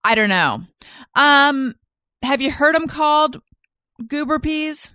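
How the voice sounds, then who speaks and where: A woman's voice: sits high, animated, slow, bright, forceful tone, no echo, clean studio sound. A woman hosting a casual chat, playful and teasing, laughing often. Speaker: podcast host.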